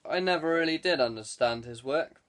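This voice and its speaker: In an audiobook, a man performs the dialogue of a clever, guarded character who parries police questions with courteous evasiveness. His voice sits a little high, brisk and fairly bright, and the acting is light. The mood is one of guarded politeness.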